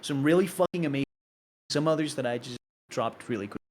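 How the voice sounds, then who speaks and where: A man's voice: medium pitch, fast talker, slight background noise. A man chatting casually over a voice call whose audio keeps cutting in and out, clipping his word endings, hesitant and casually swearing. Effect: choppy audio cutting in and out with clipped word endings. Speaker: guest. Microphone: computer mic on a voice-chat call.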